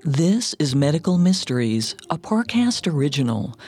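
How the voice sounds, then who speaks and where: A woman's voice: sits low, very animated, normal speed, warm tone, faint music behind. A woman co-hosting a podcast, reading scripted mystery narration. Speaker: podcast co-host.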